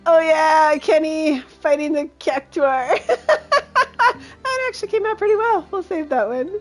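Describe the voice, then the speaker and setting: A woman's voice: high voice, a little slow, soft background music, low-quality recording. A woman streaming a video game, chatting with her audience and laughing often in delight. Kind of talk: live game commentary.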